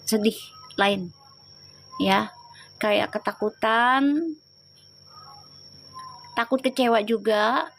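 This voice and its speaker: A woman's voice: a little high, drawn-out words, long pauses, slight background noise. A woman reading tarot on a livestream, chatting in slang and teasing her viewers. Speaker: tarot reader.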